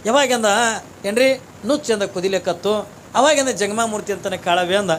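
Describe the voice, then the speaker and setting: A man's voice: sits high, moderate pace, a little hiss or hum. A man preaching a devotional story, often asking the audience rhetorical questions. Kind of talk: sermon storytelling.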